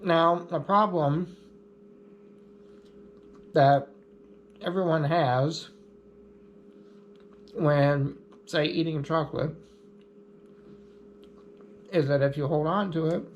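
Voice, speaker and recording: A man's voice: fairly high pitch, steady tone, extremely slow, pauses often, lo-fi sound, a little hiss or hum. A man talking through a casual explanatory vlog in an easygoing, plainspoken way with light humor. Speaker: vlogger.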